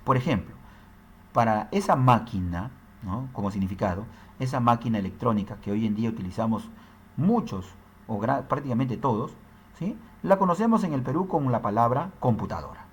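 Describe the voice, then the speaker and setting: A man's voice: medium pitch, expressive, a little fast, breathy edge. A man teaching a recorded language lesson, explaining step by step and often tagging his sentences with questions. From Peru. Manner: explanatory, frequent tag questions.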